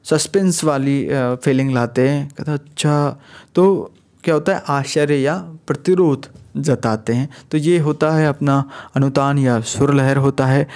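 A man teaching an exam-prep lesson, explaining slowly and patiently and repeating key phrases. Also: medium pitch, darkish tone. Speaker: Hindi teacher.

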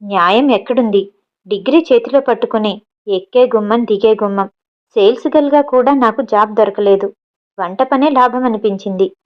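A woman's voice: fairly high pitch, normal speed, muffled recording, natural voice. A woman voicing a defiant young cook, cutting. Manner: cutting, matter-of-fact retorts. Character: proud educated young woman cook, blunt.

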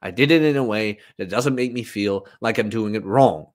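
A fitness coach in his thirties delivers a casual, informal livestream monologue from a small room at home, rambling and emphatic. He speaks at a normal speed in a lowish voice.

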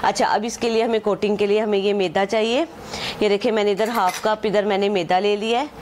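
Here the host's mid-range, darkish voice moves briskly with fairly even intonation against slight background noise. She gives chatty, step-by-step instructions for a home recipe, pointing things out to the viewer again and again with "ye dekhen" and "acha ji," and slips English measurements into her Hindi-Urdu.

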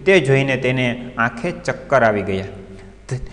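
A man's voice: mid-range voice, animated, measured pace, a bit bright. Man, teacher, online class, storytelling with word explanations, long reverb. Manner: retells a story and stops to gloss words.

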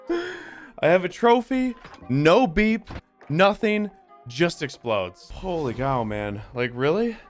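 A man's voice: high-pitched, big pitch swings, drawn-out words, faint music behind. A man on a gaming livestream, talking casually in an incredulous way.

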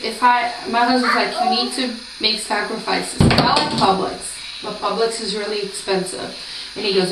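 A woman's voice: medium pitch, background noise. A Brazilian-born woman in her late twenties chatting casually to camera in a small room at home, rambling with lots of ums. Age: 20s. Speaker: vlogger. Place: small room indoors by a door. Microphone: camera across the room. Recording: roomy, distant home camera.

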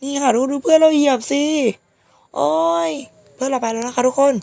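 A woman with a hoarse, sick-sounding voice giving casual game commentary, politely addressing her viewers. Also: sits high, very fast, mellow, no room sound. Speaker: gaming video host.

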